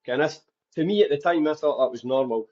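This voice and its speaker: This Dundee-accented Scotsman, a podcast guest, shares his life story with open candor. He talks quickly in a slightly high, somewhat mellow voice, captured with lo-fi sound.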